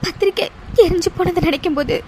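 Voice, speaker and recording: A frightened young bride-to-be in a cartoon, voiced by a woman, tearful and pleading in a very high voice. Background hiss is clear. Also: fast talker, mellow. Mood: fearful.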